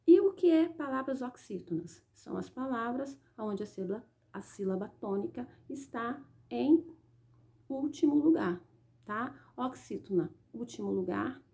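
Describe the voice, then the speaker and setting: A woman's voice: on the high side, animated, measured pace, creaky, mellow. A Brazilian woman teacher explaining a lesson to young pupils step by step, often checking in with short questions. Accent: Brazilian Portuguese. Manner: patient, explaining step by step, frequent "tá?" check-ins. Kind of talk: recorded remote class lesson.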